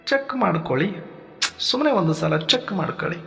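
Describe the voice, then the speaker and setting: A man giving a sermon in a measured teaching manner, asking rhetorical questions and listing points for his listeners. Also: high voice, lively intonation, creaky, sharp tone. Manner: rhetorical questions, lists, addresses listeners as brothers. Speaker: spiritual speaker. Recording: long hall reverb with faint music.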